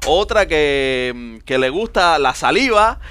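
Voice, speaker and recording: A man's voice: fairly high pitch, big pitch swings, slow pace, a bit bright, clean tone. A man in a casual group chat, rambling off on goofy tangents.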